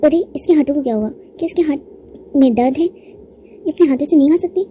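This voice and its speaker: A woman's voice: sits high, fairly quick, mellow, slight background noise, lightly acted. A woman voicing a flustered young duke. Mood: puzzled. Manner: flustered, evasive. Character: shy, flustered young man hero, a duke. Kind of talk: manga recap voice acting.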